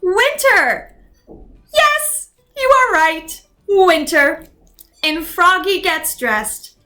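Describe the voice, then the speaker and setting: With a very high-pitched voice, a young teacher shares a picture book with young learners, reading slowly and expressively. She acts out each sound effect and follows up with simple questions.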